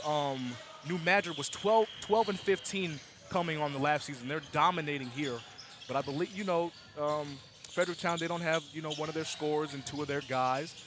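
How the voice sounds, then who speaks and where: Young male basketball announcer, slightly high, gym ball bounces behind. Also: noisy background. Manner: casual, repeats "absolutely", filler-heavy. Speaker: play-by-play announcer. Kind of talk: sports commentary.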